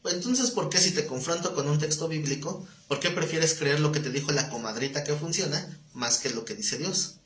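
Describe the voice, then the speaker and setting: A man's voice: on the high side, moderate pace, few pauses, a bit bright. A man teaching a live Bible class, talking conversationally, quizzing his students and joking with them. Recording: echoey room, faint noise.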